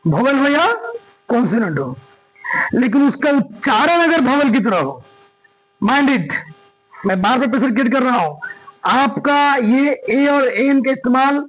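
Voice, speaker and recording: High, husky-voiced male grammar teacher. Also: low-quality recording. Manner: emphatic, repeats points and quizzes students. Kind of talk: classroom lesson explaining grammar.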